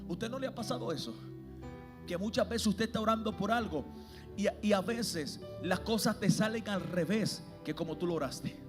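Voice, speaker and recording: Man, evangelist, live church sermon, fervent, hushed to shouting, faint music behind. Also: sits high, normal speed. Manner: fervent, swings between hushed and shouted preaching.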